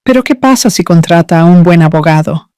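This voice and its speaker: A man's voice: a little high, lively intonation, fairly quick, darkish tone, smooth, dry recording, clean studio sound, natural voice. A man playing a shaken, cornered husband. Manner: shaken, strained. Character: nervous husband, caught out and panicking.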